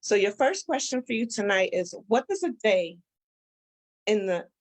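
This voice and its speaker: A woman's voice: medium pitch, sing-song, moderate pace. New york lady hosting an interview, chatty, laughs a lot, mid voice. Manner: friendly, chatty, laughs easily. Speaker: host. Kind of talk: casual interview chat.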